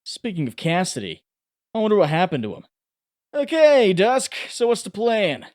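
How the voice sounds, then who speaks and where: A man's voice: high-pitched, wildly swooping pitch, normal speed, darkish tone. A man voicing a wisecracking young superhero in a comic book dub, flippant but heroic. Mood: quippy. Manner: flippant, quippy.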